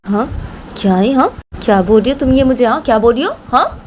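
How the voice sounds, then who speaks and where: Woman doing a high-pitched cranky old granny, keeps accusing and nagging, storybook vibe. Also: expressive, brisk, darkish tone, a little hiss or hum, lightly acted. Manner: accusing, repeats questions. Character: scolding old grandmother, suspicious and touchy.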